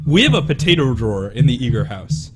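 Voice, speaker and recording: A man's voice: mid-range voice, sing-song, fast, slight background noise. A man co-hosting a podcast in casual, rambling chat with many fillers. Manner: rambling, full of fillers and restarts. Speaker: podcast co-host.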